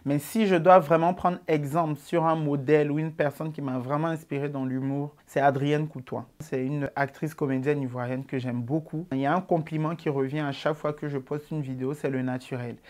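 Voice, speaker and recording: An Ivorian man in his twenties answers interview questions about his comedy in a relaxed way, using lots of fillers. His voice is a little high and a little fast, with few pauses.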